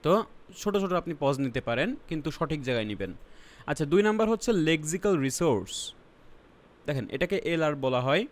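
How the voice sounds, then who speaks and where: A young Bangladeshi man teaching an online exam-prep class, his voice sitting a touch high. He walks through each point step by step, slips English terms into his explanations and keeps asking whether the students follow. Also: animated, fairly quick. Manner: explains step by step, checks in with "ঠিক আছে?". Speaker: IELTS teacher. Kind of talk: online lesson.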